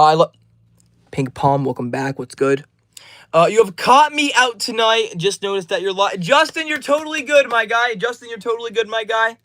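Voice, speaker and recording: A man's voice: high voice, fairly bright tone, no room sound. A twenty-year-old man live streaming, reading out chat names and answering each message in a friendly, upbeat way. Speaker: livestreamer.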